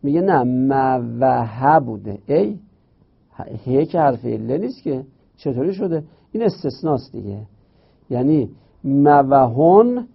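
A man's voice: fairly high pitch, vocal fry. A man teaching a grammar lesson, explaining step by step and asking and answering his own questions. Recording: dull lo-fi recording.

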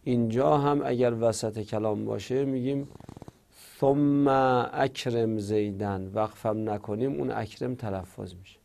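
A man's voice: medium pitch, gravelly, hardly any pauses, mellow. A man giving a spoken grammar lesson, patiently repeating example words and explaining them step by step. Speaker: teacher.

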